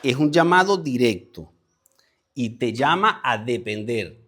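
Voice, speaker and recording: A male preacher gives a conversational Bible lesson to a gathered congregation. He walks through word meanings one step at a time, calls on listeners by name and repeats key words for emphasis. His voice sits at an ordinary middle pitch. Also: lively intonation, a little slow, fairly bright tone. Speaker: preacher leading a Bible study. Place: church meeting with a congregation present.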